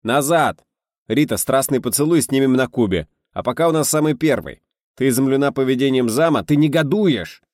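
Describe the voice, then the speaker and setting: A man putting on a brash male film director, pitched well above his usual low voice and shouting sharp orders across the set. The delivery stays dry and close, with the pitch jumping about. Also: expressive, normal speed, no room sound, lightly acted. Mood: commanding. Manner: loud, commanding, impatient.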